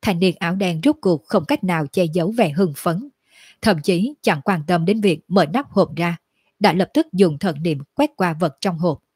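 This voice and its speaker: A woman reading a fantasy novel aloud at a steady pace. Her voice is low and breathy, recorded close with a dry sound. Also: normal speed, no echo. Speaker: audiobook narrator. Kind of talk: scripted narration of a fantasy novel.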